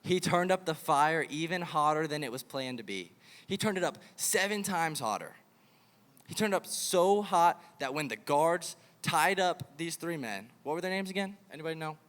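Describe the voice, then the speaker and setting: Young male youth preacher, animated storyteller, slightly high voice, echoing hall. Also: moderate pace. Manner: animated storytelling, acts out the king. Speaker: youth camp speaker. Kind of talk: casual sermon to kids. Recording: hall reverb.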